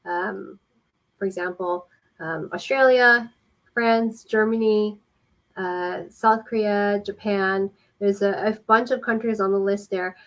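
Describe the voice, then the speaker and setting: This woman is an immigration consultant taking questions live, offering friendly, casual explanations broken up by frequent pauses. Her pitch is medium, her intonation fairly even, and her tone a bit bright, though the audio is poor.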